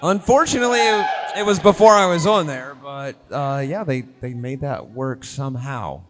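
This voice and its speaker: A man's voice: a little high, moderate pace. A man chatting casually as a guest actor on a panel.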